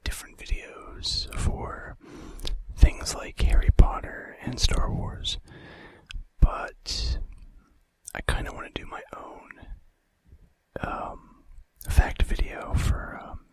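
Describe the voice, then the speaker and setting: Whispering slowly, breathily, and gently into a close microphone, a man acts as an ASMR host reading out facts and adding casual, hesitant asides. There's no echo.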